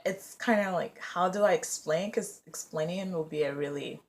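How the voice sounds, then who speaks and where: A vlogger and English teacher in her twenties, born in Nigeria and raised in the US, talks in a lowish voice at a moderate pace. Her casual vlog chat is rambling and packed with fillers.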